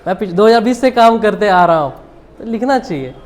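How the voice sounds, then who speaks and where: A man's voice: high-pitched, lively intonation, a little fast. Chatty male teacher quizzing a class. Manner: quizzing students, mixing Hindi and English. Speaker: English teacher. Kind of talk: live classroom lesson.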